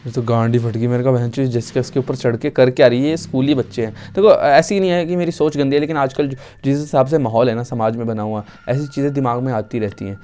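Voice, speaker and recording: A man giving casual, profane let's-play commentary on a horror game, muttering to himself and yelling when startled. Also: medium pitch, fairly even intonation, fast talker, hardly any pauses, slight background noise. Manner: profane, jokey, mutters quietly then shouts when startled. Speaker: gaming YouTuber playing a horror game.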